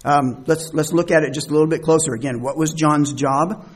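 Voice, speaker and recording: A man's voice: on the high side, steady tone, a little fast, slightly rough. A man preaching a conversational sermon, reading verses and asking rhetorical questions. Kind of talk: sermon, bible study.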